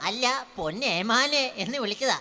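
A performer playing a clumsy palace guard in a stage comedy, who bursts in with shouted reports and garbles his words. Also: mid-range voice, sing-song, quick pace, in a large hall. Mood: sheepish. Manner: loud announcements and garbled words. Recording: live stage sound with music behind.

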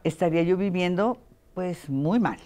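An older woman with a Mexican Spanish accent, a veteran voice actress chatting in an interview, telling lively stories and mimicking voices. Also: fairly low pitch, normal speed. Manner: lively storytelling with playful voice imitations. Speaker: voice actress and dubbing director. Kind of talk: casual interview chat.

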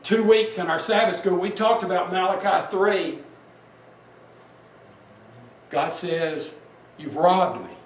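A man's voice: high-pitched, unhurried. A man preaching a sermon, emphatic and asking his congregation questions. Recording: echoey room, mic at a distance, faint background noise.

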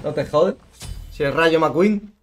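A man's voice: a little high, takes it slowly, slight background noise. A young man streaming a game, swearing and ranting at opponents between sarcastic mutters. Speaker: gaming streamer. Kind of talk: live gameplay commentary.

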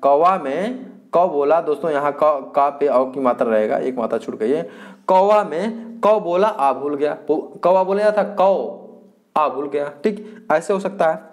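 A man's voice: on the high side, expressive, moderate pace. A male teacher giving an exam-prep lecture. He repeats his points, asks the class questions and answers them himself, and often hesitates and restarts.

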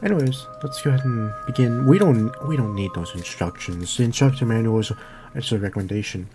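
Over music, a man hosts a let's play of a horror game, chatting casually and cracking sarcastic jokes as he goes. His medium-pitched voice is animated and a little fast.

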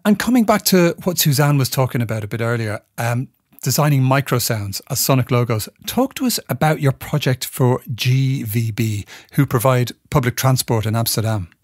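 A man's voice: mid-range voice, normal speed, no room sound, clean studio sound. A man hosting a podcast interview, introducing clips and asking questions in a polished way. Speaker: podcast host.

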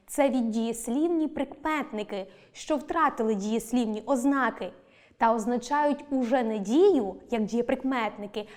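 A woman teacher reading a scripted lesson, clear and deliberate, stressing each example word. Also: on the high side.

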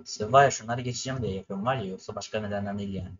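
A man's voice: on the low side, rapid-fire, dull audio, a little hiss or hum. A young man from Turkey commentating his racing game for viewers, ranting and cursing at it in frustration. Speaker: gaming streamer. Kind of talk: gameplay commentary.

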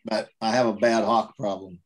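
A man's voice: fairly low pitch, fairly even intonation, moderate pace, background noise. A plainspoken man chatting casually as a participant on a video call. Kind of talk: casual chat.

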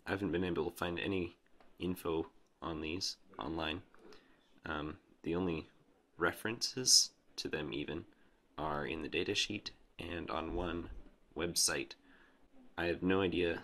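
A man's voice: very deep voice, creaky, bright, forceful tone. A man presenting a casual electronics demo, explaining as he goes like a hobbyist.

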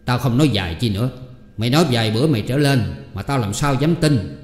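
A man voicing a gruff, stingy middle-aged man who scolds and makes demands. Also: medium pitch, animated, fast, darkish tone, natural voice. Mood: scolding. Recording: echoey room with long reverb.

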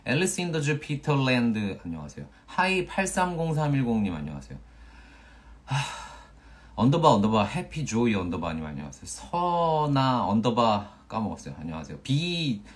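Playful young man reading usernames live. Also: mid-range voice. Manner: playful, stumbles over usernames and jokes about them. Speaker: actor hosting a fan livestream. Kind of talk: casual livestream chat, reading viewer usernames. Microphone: phone.

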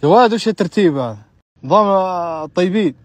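A man's voice: sits high, animated, fast. A man with a Gulf Bedouin Arabic accent chatting casually with friends as he films, hearty and full of repeated greetings. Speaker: vlogger filming a camping trip with friends. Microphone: handheld phone, speaking from behind the camera.

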